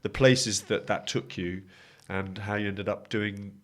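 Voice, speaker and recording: A man's voice: lowish voice, fairly even intonation, a little slow, a bit bright. A man hosting an interview, asking rambling questions that he rephrases as he goes. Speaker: interviewer, host. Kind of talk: casual interview chat.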